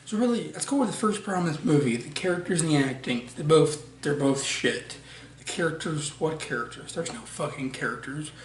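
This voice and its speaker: A young man gives a blunt, profane movie review, circling back on his words as he goes. His voice sits a little high. He sounds set back from the mic in a roomy space with faint background noise. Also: distant mic. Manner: blunt, profane, frequent restarts. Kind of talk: casual ranting movie review.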